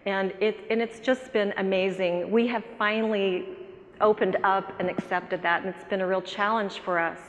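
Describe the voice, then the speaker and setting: A woman's voice: mid-range voice, steady tone, moderate pace. A woman speaks from the stage, earnest and grateful, often stopping to restart her sentences. Her voice rings in a long hall reverb. A faint noise runs underneath. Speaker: guest speaker, real estate agent. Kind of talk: onstage speech.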